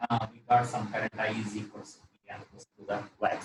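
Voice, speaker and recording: A man's voice: lowish voice, level tone, brisk. A man with a South Indian accent teaching a live physics lesson, repeating phrases and questioning a student as he works through problems. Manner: repeats phrases, often tags with "okay". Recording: roomy echo, distant mic, noisy background.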